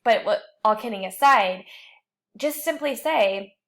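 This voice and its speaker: A woman instructor giving a recorded online writing lecture, explaining rules clearly with the odd light joke. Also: a little high, lively intonation, unhurried, a bit bright.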